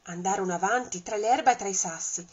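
A woman reads a rhyming children's story aloud in a lively, rhythmic, expressive way. Her voice sits at a middle pitch with a husky edge. The sound is dull and lo-fi. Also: brisk. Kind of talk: rhymed storybook reading.

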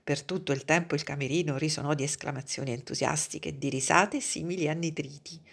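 Woman narrator, story reading, low, husky. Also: a little fast.

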